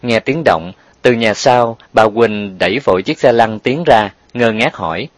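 A man narrating an audiobook in an even, sentimental storytelling way. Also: on the low side, measured pace, no echo.

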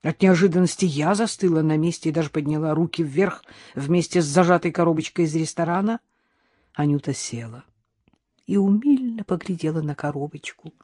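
A woman reading a first-person audiobook story in a lively, wry, brisk way. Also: deep voice, no room sound, clean studio sound. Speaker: audiobook narrator.

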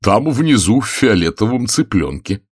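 A man's voice: lowish voice, sing-song, normal speed, slightly rough, dry recording, clean studio sound. Man doing a sulky beaten policeman. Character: bruised, grumbling male policeman, meek.

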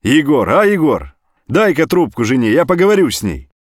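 A man voicing a desperate middle-aged father who pleads and shouts down a phone. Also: on the high side, very animated, normal speed, no echo, clean studio sound, pitched above the performer's own voice. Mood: pleading loudly.

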